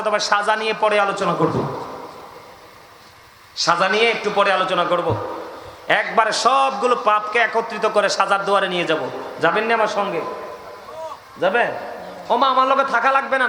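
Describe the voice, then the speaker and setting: A man's voice: sits high, bright, forceful tone. A man preaching a waz sermon to a large gathering, often calling on the crowd to answer him. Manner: call-and-response, prompting the crowd to answer. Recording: echoey PA sound with crowd noise.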